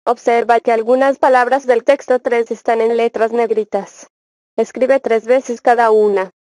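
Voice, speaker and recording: A woman reading a spelling lesson as scripted instruction, dictating words slowly and carefully. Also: fairly high pitch, fairly even intonation, darkish tone, no echo, clean studio sound. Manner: slow, careful word-by-word dictation. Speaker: narrator of a spelling course.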